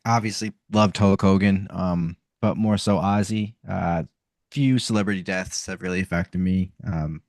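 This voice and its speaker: Male co-host, low voice, dry close sound, earnest and halting. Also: dry recording. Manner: earnest, halting with many ums. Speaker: podcast co-host. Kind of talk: casual sports chat.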